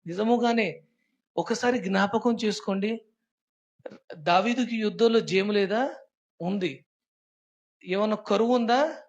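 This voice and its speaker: A young preacher at a Sunday service keeps tossing rhetorical questions and short prompts at the congregation. English phrases slip into the sermon now and then, and the voice sits at a middling pitch. It comes through a dull, lo-fi church recording. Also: a little slow, pauses often.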